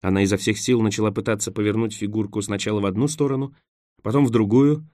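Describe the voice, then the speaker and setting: A man narrating an adventure novel as an audiobook, steady and measured. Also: fairly low pitch, no echo, studio quality. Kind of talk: scripted narration.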